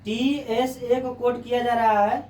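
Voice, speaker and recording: A male teacher giving a classroom lecture. He spells letters out slowly and keeps asking the class questions. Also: extremely high pitch, flat delivery, a little mellow, slight background noise. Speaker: reasoning teacher. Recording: echoey room, voice far from the mic.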